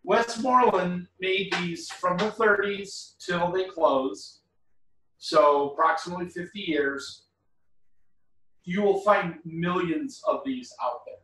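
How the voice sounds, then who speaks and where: A man informally presenting his collection to a club in a relaxed, explaining way, heard with a big hall echo and set back from the microphone. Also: high voice, slow pace, far from the mic, a little hiss or hum. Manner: relaxed and conversational, explaining items. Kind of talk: informal show-and-tell presentation. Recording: echoey room, voice from off the mic.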